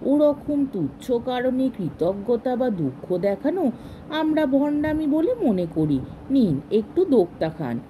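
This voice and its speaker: A woman's voice: high voice, sing-song, unhurried, dark tone, a little hiss or hum, poor audio. A woman reading a story aloud and voicing a strict, haughty woman who lectures on manners in a scolding way.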